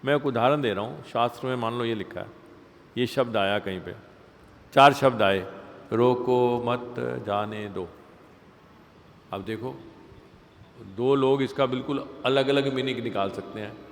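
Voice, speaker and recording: A man's voice: mid-range voice, moderate pace. A man leading a devotional scripture class, explaining points with everyday examples and repeating them for emphasis. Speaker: temple class speaker. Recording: echoey hall with faint ambience.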